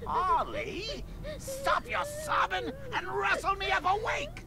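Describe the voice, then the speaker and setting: An actor playing a manic, vain villain clown in a video game, theatrical, mocking and volatile, with a creaky voice that leaps into shrill cackles. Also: male voice, big pitch swings, takes it slowly, crowd noise, heavily acted. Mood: manic indignation.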